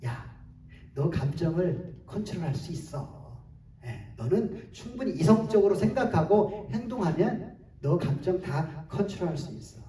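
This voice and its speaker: A man's voice: high voice, big pitch swings, measured pace, dark tone. A man voicing a sly, taunting male devil as he quotes it in his sermon, in a roomy, echoing space. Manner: taunting, mocking. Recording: roomy distant mic, faint hiss.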